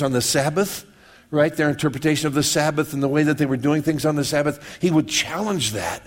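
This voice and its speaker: Man preaching in a slightly high voice. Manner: conversational teaching, checks in with listeners; repeats and restarts words while explaining. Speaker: pastor. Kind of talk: sermon.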